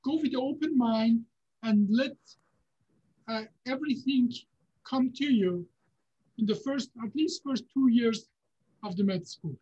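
A man, a neurosurgeon giving unhurried, halting career advice over a video call from a home office. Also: very high-pitched, dark tone, husky. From Iran. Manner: unhurried, halting, with many fillers and restarts. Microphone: video call webcam. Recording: dull, lo-fi video call audio.

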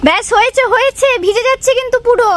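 Very high-voiced doting Bengali mom vlogger. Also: female voice, very fast, slight background noise. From West Bengal, India. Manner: chatty, doting baby talk to a toddler. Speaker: vlogger, mother. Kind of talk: casual vlog narration. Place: outdoor home courtyard. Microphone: wireless lapel mic.

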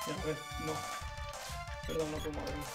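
A man's voice: on the high side, completely flat delivery, normal speed. A man with a Spain accent in casual, joking gameplay banter with friends. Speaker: gamer commentator. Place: indoor room with friends. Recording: roomy, game music behind.

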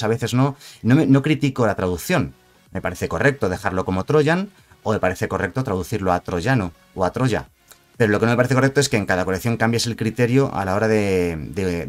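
A man giving a rambling, animated casual card analysis, often correcting himself. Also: lowish voice. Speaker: card game reviewer. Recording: faint background music.

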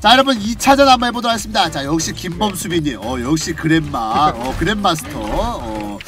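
A man's voice: on the high side, big pitch swings, brisk. A man hosting an online gaming quiz like a game show host, prompting players and counting down over music. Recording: music behind the voice.

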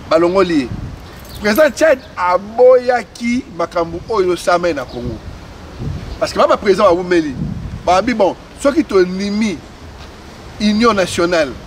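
A man giving impassioned outdoor political commentary, repeating himself and mixing French into his talk. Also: high-pitched. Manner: impassioned, repetitive, switches between Lingala and French. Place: outdoors on a city street. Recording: distant mic outdoors with faint noise.

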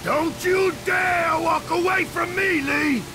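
Enraged, very high-pitched game villain. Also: male voice, slow pace, shouting, over music. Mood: enraged, taunting. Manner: aggressive, swearing, taunting. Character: enraged, taunting young man, beaten but defiant. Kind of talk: dramatic video game acting.

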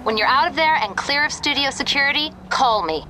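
A woman's voice: high-pitched, animated, brisk. A woman playing a businesslike assistant in a video game, giving instructions in a formal, matter-of-fact way. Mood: brisk, businesslike. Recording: loud music and car noise behind.

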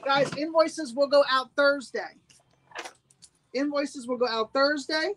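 A woman's voice: high voice, slow, slight background noise, low-quality recording. A woman hosting a live-streamed sale, chatting with viewers and repeating every price twice. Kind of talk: live-streamed sales pitch.

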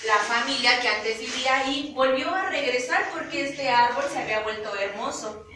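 A woman with a Mexican accent, a student telling a children's story with lively, giggly energy. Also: sits high, normal speed. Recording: echoey room, far from mic, noisy.

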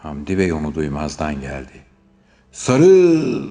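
A man narrating a short story as an audiobook reader, in a measured storytelling manner. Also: very deep voice, darkish tone, faint music behind.

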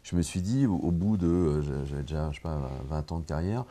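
A man's voice: low-pitched, brisk, dark tone. A middle-aged man, a film director, talking reflectively in a TV studio interview, full of hesitations and restarts. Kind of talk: relaxed interview conversation. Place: TV studio set with armchairs. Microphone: lapel mic.

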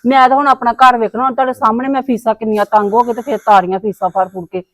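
A woman with a high voice who talks fast and pleads in a worked-up, complaining way. The sound is dry and close. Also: steady tone, dry recording. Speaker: daughter in family drama. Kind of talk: casual Punjabi family vlog acting.

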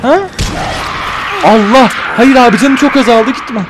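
A young man giving excited casual commentary while playing a video game, shouting at enemies. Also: extremely high pitch, measured pace, background noise. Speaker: gaming YouTuber. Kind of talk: casual let's-play commentary.

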